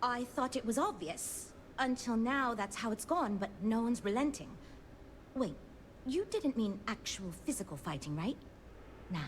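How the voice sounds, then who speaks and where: Earnest, lively-voiced woman team leader. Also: on the high side, a little slow, a little hiss or hum, low-quality recording. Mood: uneasy. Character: earnest, diplomatic woman leading a ship design team. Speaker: game character, design team leader. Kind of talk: scripted game dialogue.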